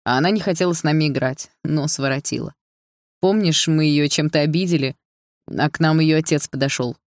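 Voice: mid-range voice, brisk, no echo, natural voice. Reader doing guilty young man, flustered, pleading, defensive, dry sound. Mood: reminiscing. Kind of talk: audiobook dialogue.

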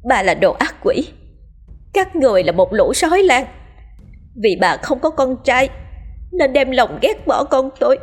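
Woman doing a blind young woman, high wailing voice, swoops up and down, slow tearful accusations. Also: big pitch swings, heavily acted. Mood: tearful accusing. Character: wronged blind young woman, grieving and defiant.

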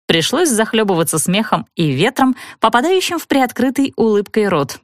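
Woman audiobook narrator, lively melodic reading, dry close studio sound. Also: on the high side, normal speed, no echo. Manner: expressive storytelling. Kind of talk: first-person audiobook narration.

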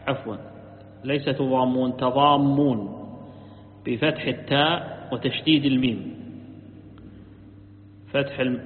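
A man teaching a religious lesson, repeating key words, asking rhetorical questions, and correcting himself as he explains. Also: medium pitch. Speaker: sheikh teaching a creed text. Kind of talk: religious lecture. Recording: echoey hall, tinny lo-fi line, faint hiss.

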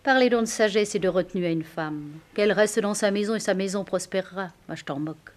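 An actress playing a worldly bourgeois Parisian wife, declaiming with irony in 1950s French stage style. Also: female voice, quick pace, natural voice. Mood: ironic. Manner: ironic, declamatory, sweeping pitch leaps.

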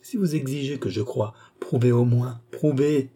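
An anguished young nobleman pleads and cries out in a husky, mellow voice, as a male audiobook reader puts him on. His lines rise in pitch and volume when he begs, in the manner of a storybook reading. The pleading stays raw and insistent. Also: normal speed, natural voice. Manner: pleading, impassioned outbursts.

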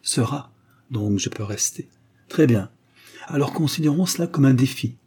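A man's voice: medium pitch, normal speed, warm tone, breathy edge, natural voice. A man reading an audiobook, voicing a witty, teasing young male count in playful, ironic banter.

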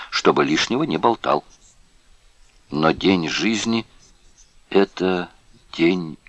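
A man narrating an audiobook in a grave, measured reading. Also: fairly low pitch, fairly bright tone, no echo. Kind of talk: scripted narration.

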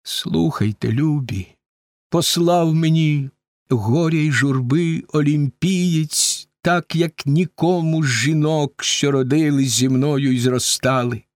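Grieving reproachful queen voiced by a man, high-pitched, lamenting, dry close sound. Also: measured pace, no echo. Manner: raised, lamenting verse delivery. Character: grieving middle-aged queen woman, anxious and reproachful.

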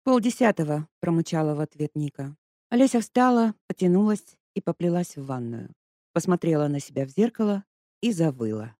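Expressive narrator, mid pitch, dry close recording. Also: a little fast, no room sound. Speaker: audiobook narrator. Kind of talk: scripted narration.

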